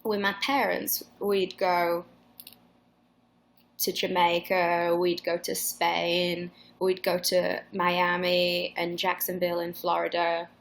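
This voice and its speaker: Over poor audio, a woman's fairly low, creaky voice comes through. She's a singer in her twenties with a mixed Northern English accent, casually hosting a livestream fan Q&A, rambling, cursing and restarting many times.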